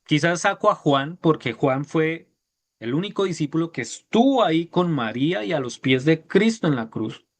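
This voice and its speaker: A man preaching a sermon, retelling a Bible story with lively, acted-out voices for the characters. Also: on the high side, normal speed.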